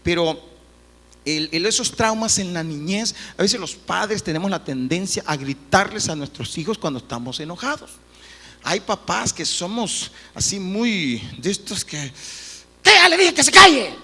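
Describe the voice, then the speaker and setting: Husky, animated pastor preaching. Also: male voice, high-pitched, measured pace. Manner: animated, earnest preaching with acted quotes. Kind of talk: sermon. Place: church hall. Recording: reverberant church hall.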